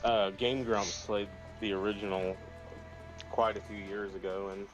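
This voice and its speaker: A man co-hosting a let's play, chatting casually in a relaxed, helpful way. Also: fairly low pitch, measured pace, soft background music, rough recording. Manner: relaxed, helpful, chuckling often. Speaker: co-host friend. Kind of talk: casual gaming chat.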